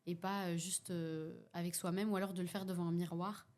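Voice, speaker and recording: A young adult woman with a Belgian French accent, a youth workshop facilitator, joins a casual podcast discussion, speaking hesitantly with many fillers and restarts. Her voice is fairly low in pitch, level, fairly quick, and a little mellow.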